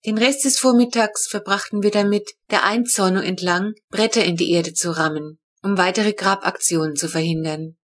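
Woman narrator, storybook chapter, steady clear reading, middle pitch. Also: moderate pace, few pauses. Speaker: audiobook narrator.

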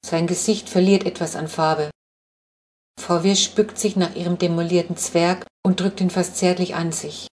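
A woman narrating a children's audiobook with lively, expressive reading. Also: fairly low pitch, normal speed, slight background noise. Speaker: audiobook reader. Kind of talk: scripted children's book narration.

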